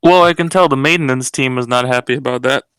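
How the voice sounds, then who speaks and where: A man's voice: medium pitch, fast, fairly bright tone, clear, resonant tone, no echo. A man joking and teasing the others while chatting casually during a tabletop game. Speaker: player.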